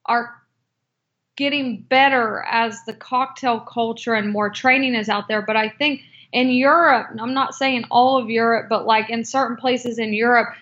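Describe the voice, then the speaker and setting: This woman, a guest who wrote a cocktail book, answers interview questions about cocktails and her book. Her voice is slightly high and a bit bright, with fairly even intonation at a normal speed, but she speaks hesitantly with lots of fillers and restarts. The audio is dull and lo-fi.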